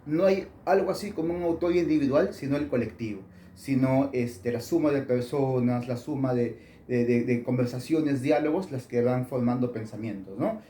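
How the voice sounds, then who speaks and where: A man's voice: mid-range voice, normal speed, warm tone, echoey room, a little hiss or hum. A man, an author answering interview questions in a thoughtful way with many fillers and restarts.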